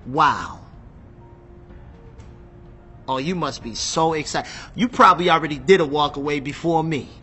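A man teaching scripture with a bright, forceful voice, pitched a little high. He talks slowly and emphatically and often repeats his words, with faint music behind him. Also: breathy edge. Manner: excitable, emphatic, repeats phrases, reads scripture aloud. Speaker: Bible teacher. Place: seated in a chair.

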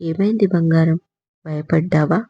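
A woman's voice: low-pitched, a little slow, husky, no room sound, dull audio, exaggerated voice. A woman voicing an anxious young husband who coaxes and soothes, read in an audiobook story. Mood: anxious, soothing. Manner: coaxing, soothing. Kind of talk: audiobook character reading.

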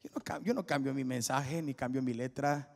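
A man's voice: mid-range voice, normal speed, vocal fry. A man giving a humorous testimony at a church service, acting out scenes as he tells them. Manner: animated storyteller, acts out scenes with jokes. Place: large church auditorium. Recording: echoey hall with faint music.

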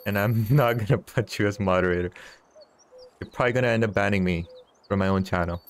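Talking fast in a lowish voice, this early-thirties streamer plays a fishing game while bantering playfully with his chat. He laughs a lot as he keeps the live-stream talk loose and casual.

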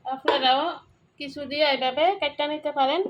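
High-voiced woman with a Brahmanbaria accent. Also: level tone, brisk, muffled recording. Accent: Brahmanbaria Bengali. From Brahmanbaria, Bangladesh. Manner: chatty, explains local words while cooking. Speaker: cooking vlogger. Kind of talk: casual cooking demonstration.

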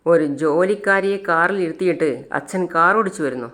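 A woman voices a resentful, spoiled grown daughter, sulking and complaining as she argues. The voice sits a little higher than the storyteller's own and pushes forward with grievance. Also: normal speed, a bit bright, lightly acted. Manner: sulky, complaining, confrontational.

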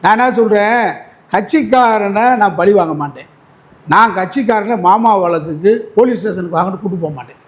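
Combative high-voiced man in interview. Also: fairly quick. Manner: combative, repetitive, mocking. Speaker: interview guest, advocate. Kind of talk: heated political interview.

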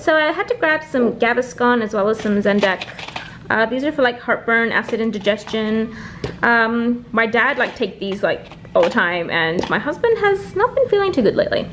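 A young woman talks through her shopping in a home kitchen, her voice high and easygoing. She rambles a little and leans on fillers. A faint hum of the room sits behind her. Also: lively intonation, moderate pace, a bit bright. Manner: chatty, lots of fillers and "like". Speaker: vlogger. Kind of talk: casual grocery haul chat.

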